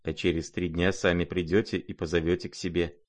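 A man voicing a gentle, naive young prince who speaks mildly and calmly. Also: low voice, fairly quick. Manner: mild, calm, soft-spoken.

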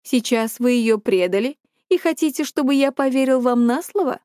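A woman voicing a bold young male hero who speaks slowly and mockingly. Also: high-pitched, a little mellow, no echo, clean studio sound, lightly acted. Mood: cocky.

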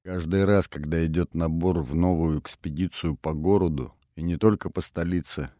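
A man's voice: low-pitched, fairly even intonation, normal speed, dark tone, dry recording, studio quality, natural voice. A man voicing a blunt, level-headed young woman who speaks curtly and matter-of-factly, in an audiobook. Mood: grim, blunt. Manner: curt, matter-of-fact.

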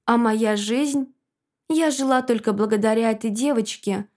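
A woman narrating a first-person fantasy story in a measured, dramatic storytelling manner. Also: on the high side, fairly even intonation, darkish tone. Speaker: audiobook narrator.

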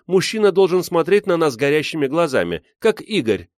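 A man's voice: fairly high pitch, sing-song, brisk, no room sound, clean studio sound, pitched above the performer's own voice. Man doing a bubbly, teasing young woman.

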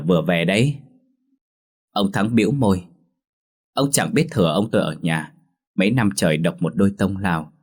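Low husky male horror storyteller. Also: a little mellow. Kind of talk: scripted horror story narration.

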